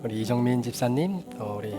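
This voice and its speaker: A man's voice: mid-range voice, lively intonation, a little fast, loud music behind the voice. A man speaks as a pastor, making polite service announcements and giving loosely phrased instructions.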